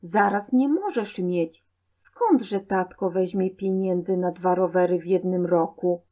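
A woman reading a storybook aloud, voicing a calm, patient mother. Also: mid-range voice, slow, highs cut off. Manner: calm, soothing.

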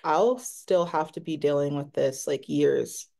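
A woman's voice: sits low, a little slow, dark tone. A young woman speaking casually in an interview, often saying "like".

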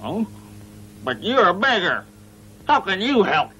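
An actor playing a gullible, hard-up gambler who is easily indignant, in a dubbed martial arts film. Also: male voice, high-pitched, sing-song, unhurried, pushed and bright, slight background noise, heavily acted, low-quality recording. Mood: doubtful.

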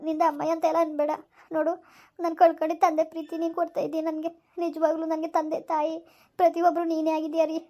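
A woman's voice: extremely high pitch, monotone, quick pace, warm tone. A young woman, acting a tearful, pleading pregnant wife in a village skit.

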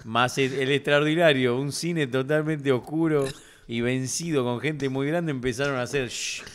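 A man's voice: mid-range voice, normal speed, a little hiss or hum. A man with a Rioplatense Argentine accent telling a funny anecdote in casual chat, laughing through it. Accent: Rioplatense Argentine Spanish. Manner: animated, laughs through his own story. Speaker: podcast guest storyteller.

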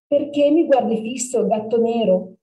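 An eager, impatient young girl pleads and presses for answers in a raised, lively voice, as a woman reads her aloud. The tone is soft and mellow, with a roomy echo around it. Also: on the high side, moderate pace, dull audio, pitched above the performer's own voice, close to an everyday voice. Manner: pleading, insistent.

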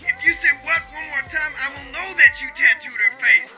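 A man talking over a phone speakerphone, joking and teasing in a deadpan way. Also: extremely high pitch, moderate pace, over loud music. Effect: heard over a phone speakerphone. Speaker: boyfriend on the phone. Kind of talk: casual phone banter.

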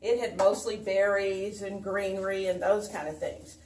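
A woman's voice: mid-range voice, flat delivery, darkish tone. An older woman hosting a home decor vlog, chatting unhurriedly as she arranges flowers in her dining room. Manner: chatty, unhurried, talks while working with her hands. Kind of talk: casual how-to demonstration. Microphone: camera mic from across the room. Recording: roomy echo, voice from a distance.

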